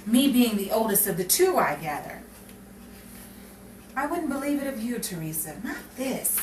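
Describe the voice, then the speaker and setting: In a 1950s crime melodrama, a woman plays a sensible, stern older sister who works as a bank clerk, and her phrasing is formal and indignant. Her voice sits a little high with a darkish tone, very animated at normal speed, and she sounds scolding and exasperated. The recording is echoey and distant, captured in a noisy room.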